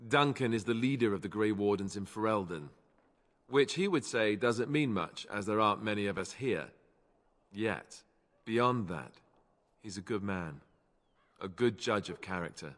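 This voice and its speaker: Candid and modest, this earnest young warrior of a knightly order, a video game character, talks in an animated way. His voice leans low, sits forward and carries a bright edge. He explains himself in measured, self-deprecating terms inside a long, lingering reverb.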